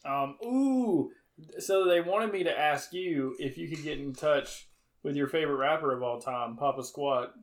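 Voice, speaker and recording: An excitable young man with a somewhat high voice co-hosts a podcast. He tells stories in casual, animated chat and gets worked up easily. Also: normal speed. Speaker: podcast co-host.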